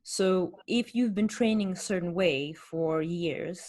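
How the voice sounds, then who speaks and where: A fitness coach talks slowly on her podcast, her fairly low voice carrying a slight mellowness. The chat is casual and candid, with rhetorical questions woven into her explanations.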